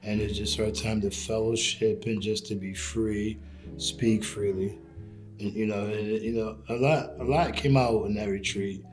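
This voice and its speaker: Flat-toned man in his forties. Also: fairly low pitch, unhurried. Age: 40s. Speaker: program participant. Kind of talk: testimonial interview. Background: guitar music.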